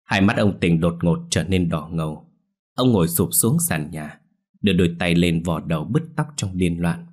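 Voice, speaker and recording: A man narrating a horror story in a steady, dramatic storytelling voice. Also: deep voice, normal speed. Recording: soft music bed.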